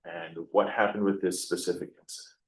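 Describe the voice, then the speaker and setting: A man's voice: sits low, fairly even intonation, a little fast, poor audio. An American man speaking as a defence attorney in a courtroom, with faint noise around him. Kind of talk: formal address in a courtroom.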